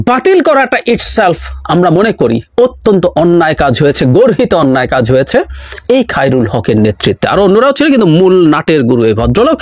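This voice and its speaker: Emphatic male political commentator, swooping high pitch. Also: no echo, studio quality. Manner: emphatic, accusatory delivery. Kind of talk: political commentary talk to viewers.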